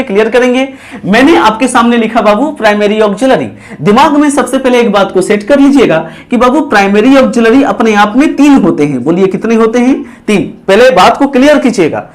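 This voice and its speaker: A man teaching a grammar lesson at a board, repeating points and quizzing students with call-and-response. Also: sits high. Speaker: English teacher. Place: classroom with a board.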